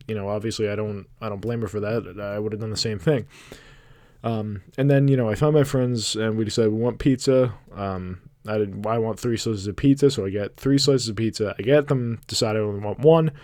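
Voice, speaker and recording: Deadpan man rambling through a story. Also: lowish voice, a little fast, dry recording. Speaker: fan voice actor dubbing an animation. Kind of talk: storytelling monologue dub.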